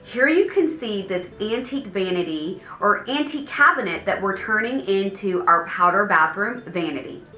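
Woman in her 30s doing a design tips vid, crisp bright voice, kinda echoey room, soft music under it. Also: mid-range voice. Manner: polished, enthusiastic, upbeat. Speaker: home design host. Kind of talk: scripted presentation to camera. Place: indoor studio set with paneled wall. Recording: roomy echo, faint background music.

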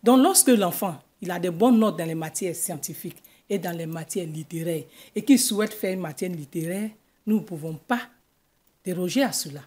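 A middle-aged woman with an Ivorian French accent, a school guidance counselor explaining things in a measured way in a TV studio interview. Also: on the low side, animated, darkish tone. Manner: measured, explanatory, gestures with her hands. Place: TV news studio. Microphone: desk microphone.

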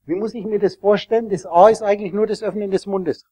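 A man with a notably high voice lectures a room full of listeners, wandering from point to point and checking whether they are following. His sound is close and dry, with almost no room echo. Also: steady tone, quick pace, mellow, breathy edge. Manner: rambling, explanatory, asks the audience questions. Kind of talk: live teaching talk to an audience.

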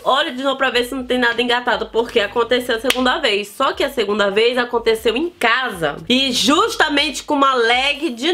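Chatty Brazilian woman with a high voice. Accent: Brazilian Portuguese, northern. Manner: chatty, animated, addresses viewers as friends. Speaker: vlogger. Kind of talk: casual storytelling to camera.

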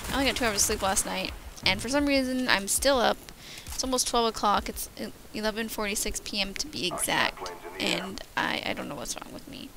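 Tired, gravelly young woman rambling. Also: medium pitch, expressive, a little fast. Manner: rambling, filler-heavy, stumbling over words. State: sleep-deprived, tired. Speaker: gaming commentator. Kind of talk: casual gameplay commentary. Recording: noisy home recording.

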